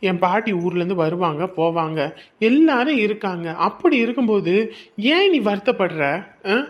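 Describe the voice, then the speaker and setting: A man plays a stern young husband in a family drama, lecturing his wife with stubborn insistence. His voice comes through a dull, lo-fi recording. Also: high-pitched. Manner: lecturing, repeats himself, grows harsh. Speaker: husband leaving home for work. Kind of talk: Tamil family drama acting.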